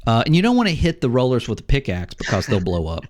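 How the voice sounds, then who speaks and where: A man's voice: medium pitch, fast talker. Middle-aged man rambling about games. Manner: rambling, animated storytelling with acted-out quotes. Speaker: podcast co-host. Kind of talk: casual chat about video games.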